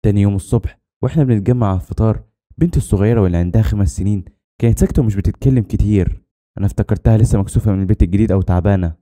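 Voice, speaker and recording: Man, horror narration, very fast, low pitch, very dark timbre. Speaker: storyteller.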